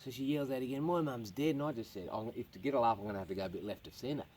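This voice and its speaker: A man's voice: medium pitch, expressive, racing, darkish tone, a little hiss or hum. An Australian man, a stand-up comedian, telling crude stories to a small live audience, swearing freely and laughing at his own jokes. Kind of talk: crude storytelling to a small crowd. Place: outdoors at a farm with a live audience.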